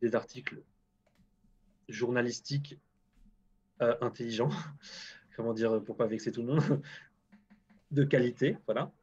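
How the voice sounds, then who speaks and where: A man's voice: mid-range voice, fairly even intonation, takes it slowly, pauses often, darkish tone, breathy edge, lo-fi sound. A man with a French accent, guest agroclimatologist on a live stream, talking bluntly and often restarting sentences. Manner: blunt, self-deprecating, lots of restarts.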